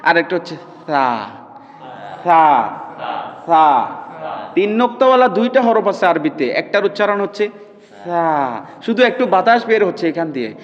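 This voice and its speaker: Male recitation teacher, high voice, stretches demo sounds and checks comprehension. Reverberant, muffled hall recording. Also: sing-song. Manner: keeps checking the class understands, drawls demonstration sounds slowly. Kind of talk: classroom pronunciation lesson. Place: classroom with students.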